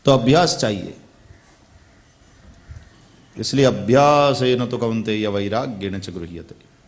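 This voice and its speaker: A man's voice: on the low side, slow. A middle-aged male preacher giving a devotional sermon in a conversational way, often turning to the listeners with questions. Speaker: spiritual preacher.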